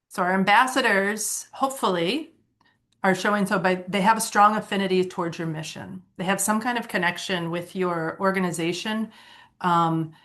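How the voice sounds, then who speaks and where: A woman from Ohio is leading a training workshop for a nonprofit board, her mid-range voice carrying a fairly bright tone. She speaks conversationally, with fillers and self-corrections, and grows enthusiastic when telling her own story.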